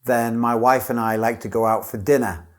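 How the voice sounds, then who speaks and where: Clear-spoken male English teacher. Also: medium pitch, steady tone, normal speed. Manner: clear, careful native-speaker delivery. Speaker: English teacher playing an exam candidate. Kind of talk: scripted model exam answers.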